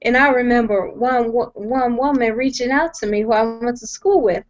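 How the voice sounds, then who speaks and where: Speaking at normal speed in a voice on the high side, a young woman tells her story as a guest on a video call from home. Her manner is earnest and emphatic, with frequent repetition and restarted sentences, and the lo-fi call audio sounds dull.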